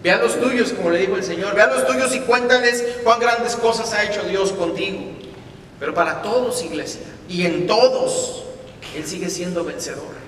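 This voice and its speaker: A man preaching a sermon with emphatic repetition, swinging between loud and soft, in a church hall. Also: moderate pace. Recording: echoey hall from far off, faint rumble.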